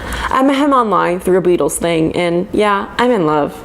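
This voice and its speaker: A woman's voice: on the low side, lively intonation, normal speed, gravelly, slight background noise. A woman in her twenties reading her old diary aloud in a casual, chatty way, embarrassed and poking fun at herself. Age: 20s. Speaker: vlogger reading her old teenage journal.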